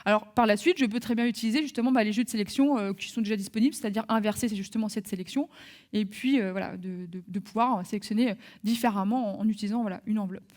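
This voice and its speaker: A woman giving a live software training webinar, talking through steps with many fillers and restarts. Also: medium pitch, quick pace.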